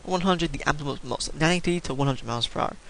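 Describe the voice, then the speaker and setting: A man with a fairly high voice talks through a home-made storm forecast in a loose, rambling way. He apologizes often and leaps up in pitch when something excites him. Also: quick pace, vocal fry, low-quality recording. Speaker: amateur weather forecaster. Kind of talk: casual forecast video talk.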